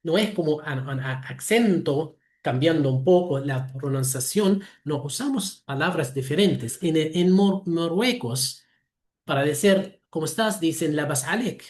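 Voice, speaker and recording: Slow Arabic-accented man lecturing. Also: a little high, expressive, darkish tone, echoey room. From Lebanon. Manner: slow, halting, with self-corrections. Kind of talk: online talk, explaining.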